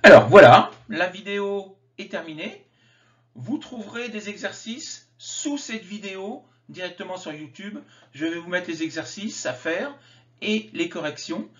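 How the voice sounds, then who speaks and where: A man teaching a grammar lesson, slowly and carefully spelling out each example form. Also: on the high side, a bit bright. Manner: slow, careful enunciation of example words. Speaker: French teacher. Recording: dull lo-fi sound.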